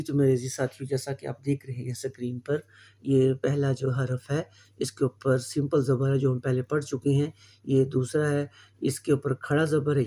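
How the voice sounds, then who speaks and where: Male tutor, mid-pitched, patient, slow sound drills. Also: a little mellow. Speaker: Quran reading teacher. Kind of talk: spoken lesson with drills.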